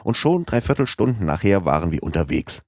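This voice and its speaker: A man voicing a talkative, excitable French manservant in an audiobook reading, his voice rising higher when he gets emphatic. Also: brisk, no echo, clean studio sound, heavily acted. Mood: chatty. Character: chatty, excitable French manservant, stubborn and proud. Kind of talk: audiobook character voice.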